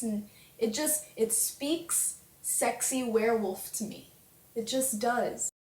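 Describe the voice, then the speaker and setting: A woman's voice: fairly high pitch, darkish tone. A young woman chatting in a casual fan vlog, gushing and full of fillers. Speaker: fan vlogger. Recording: roomy webcam audio with faint hiss.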